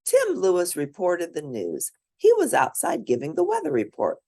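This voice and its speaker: A low, slightly gravelly female voice reads a picture book aloud to young kids. She's lively and expressive, ranging widely in pitch, and breaks off to show the pictures.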